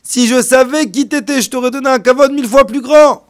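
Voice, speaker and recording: A man voicing a distraught homeowner who begs forgiveness, loud and high. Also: a little fast. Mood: anguished pleading. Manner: loud, pleading, high-pitched.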